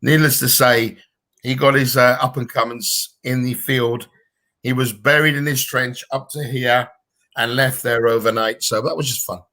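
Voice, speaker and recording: A man's voice: mid-range voice, steady tone, moderate pace, pushed and bright. A man who tells anecdotes in a dry, matter-of-fact way during a casual chat. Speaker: veteran discussion guest.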